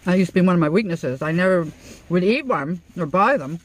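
A woman's voice: on the low side, lively intonation, a little fast, low-quality recording. A woman in her sixties chatting casually over a meal, chewing as she talks. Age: 60s. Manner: chewing while talking. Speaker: vlog host. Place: inside a parked car at night.

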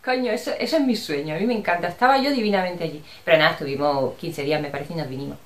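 A woman's voice: lowish voice, racing. A chatty, affectionate middle-aged woman from Spain, casually answering her viewers, with a Spanish accent that slips into Andalusian at times. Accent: Spanish from Spain, with Andalusian touches. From Barcelona, Spain. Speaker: vlogger answering viewer comments. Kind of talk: casual chat. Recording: roomy echo.

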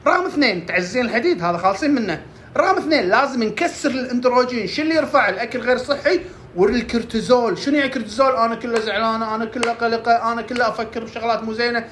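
A woman talks fast through casual health advice, firing off questions and answering them herself. Her voice sits fairly high. A faint hum runs under the recording. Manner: quick, asks and answers her own questions. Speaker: herbal health presenter. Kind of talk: casual health tips talk.

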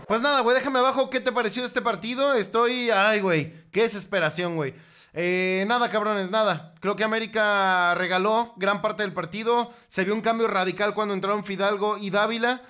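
A young Mexican man reacting to a football match as it plays, cursing freely and yelling at the screen. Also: high voice. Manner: profane, excitable, shouts at the screen. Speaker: football fan reaction host.

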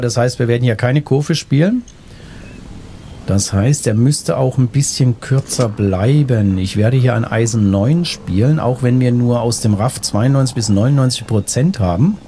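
A man with a mid-range, mellow voice hosts a casual let's play video, thinking aloud as he plays. There's a little hiss or hum, and faint game ambience sits behind him.

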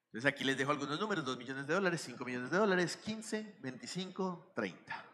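A middle-aged Colombian-accented conference speaker talks on stage, explaining ideas and quizzing the audience. His slightly high, fairly bright voice has lively intonation and a somewhat fast pace. The hall is reverberant, with faint ambience and a little hiss or hum.

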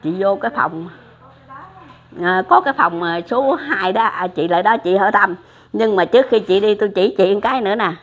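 A woman's voice: mid-range voice, brisk. Older woman storyteller. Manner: animated, acts out dialogue, addresses listener affectionately. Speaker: storyteller of religious experiences. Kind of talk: casual spoken storytelling. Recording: muffled lo-fi recording.

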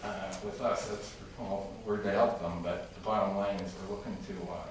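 A man making a halting public comment to a city council, full of fillers and restarts. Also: low-pitched, steady tone. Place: large council chamber with tall windows. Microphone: room mic from far off. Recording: echoey chamber recorded from far off with noise.

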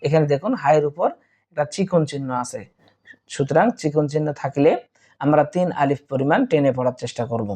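A man's voice: fairly high pitch, brisk, mellow. A man teaching Quran reading. He spells out each letter and vowel mark one at a time, then chants the joined verse, speaking patiently to his students. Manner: patient, addresses students directly.

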